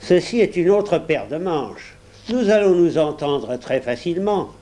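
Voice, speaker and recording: A man's voice: a little high, big pitch swings, unhurried, mellow. A man voicing an irritable, unpleasant young clerk who speaks curtly. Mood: irritated. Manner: curt, irritated.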